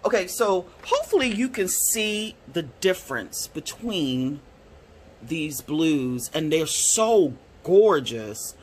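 A woman reviewing art supplies in a casual swatch video, gushing and excitable, gasping and squealing over the colors. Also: low-pitched, slow pace, slight background noise. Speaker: product reviewer.

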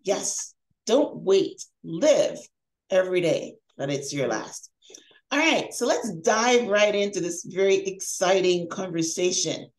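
This middle-aged woman's voice is fairly low and slow yet lively in intonation as she reads an upbeat, emphatic podcast introduction. A life coach and host, she records from a home room over a video call, leading into an interview, on a low-quality recording.

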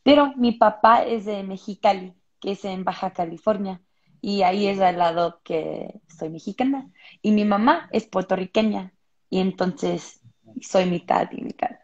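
A woman's voice: medium pitch, unhurried. A young woman from Los Angeles, a footballer answering interview questions on a video call from a room at home, thoughtful, with many fillers and restarts. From Los Angeles, United States. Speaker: footballer guest. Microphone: earbuds on a video call. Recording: muffled video call audio.

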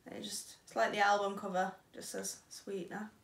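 Hosting an unboxing vlog from a small bedroom at home, a young woman with a British accent chats in a playful, casual way. Her mid-range voice is creaky and level, moving at normal speed. The mic sits at a distance, so the sound is roomy and noisy.

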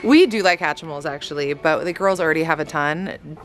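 A woman's voice: low-pitched, fairly quick. A middle-aged woman filming a casual family shopping vlog, chatty and rambling with lots of ums, speaking into a handheld camera in a car and then in a store. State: out of breath after running in. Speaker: vlogger mother.

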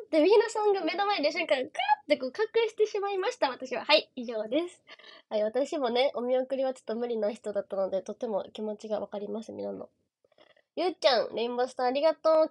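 A woman's voice: sits high, a little mellow. A young woman with a Kansai accent hosting a casual livestream, chatting in a bubbly, giggly way and thanking viewers by name. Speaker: idol livestream host. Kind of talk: casual livestream chat reading viewer gifts.

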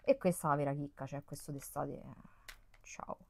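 A young beauty vlogger with a low, gravelly, darkish voice chats casually at a normal speed and fairly even intonation, exclaiming often as she declutters her makeup. She's at home on a bed, off-screen, recorded on a camera mic with slight background noise.

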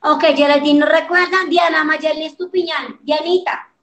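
Woman english teacher, patient, repeats stuff slow, echoey room sound. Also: high-pitched, fairly even intonation, a bit bright. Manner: patient, affectionate, repeats prompts slowly. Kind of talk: teaching an online class. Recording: echoey, muffled.

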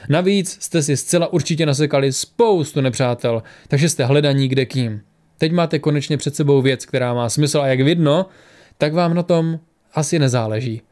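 A stern, fed-up traveler, read by a male narrator, lecturing in a firm, measured way. The voice stays near the teller's own, slowed and weighty. Audiobook reading. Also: fairly high pitch, darkish tone, lightly acted.

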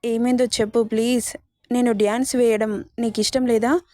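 A woman's voice: a little high, flat delivery, normal speed, mellow, no room sound, studio quality, lightly acted. A woman voicing an affectionate young woman in a spoken romance story, in a coaxing, sweet manner.

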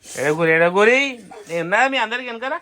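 A man's voice: high-pitched, lively intonation, fast, sharp tone. Chatty Telangana man vlogging with family. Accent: Telangana Telugu. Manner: chatty, addresses viewers as friends. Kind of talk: casual family chat.

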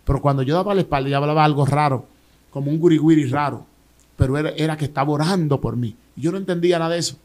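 Fast-talking Dominican man telling his testimony. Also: fairly high pitch. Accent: Dominican Spanish. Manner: animated storytelling with restarts and repeated words. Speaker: interview guest. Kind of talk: emotional personal testimony.

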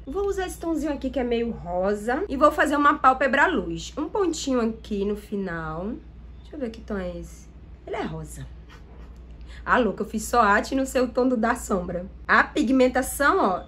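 A woman's voice: high voice, fairly bright tone. A Brazilian woman doing a makeup tutorial, talking to viewers in an enthusiastic, chatty way as she tests the products. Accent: Brazilian Portuguese. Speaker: makeup vlogger.

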